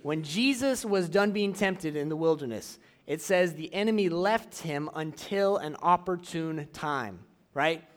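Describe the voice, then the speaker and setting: A young man preaching casually to a church audience, drawing out key phrases slowly and running a live object lesson. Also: a little high. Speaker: youth pastor.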